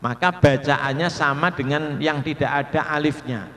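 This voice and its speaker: A man with an Indonesian accent teaching Quran reading, slowly drawing out Arabic sounds to demonstrate them. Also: fairly high pitch, fairly even intonation, fairly bright tone. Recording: echoey hall with long reverb.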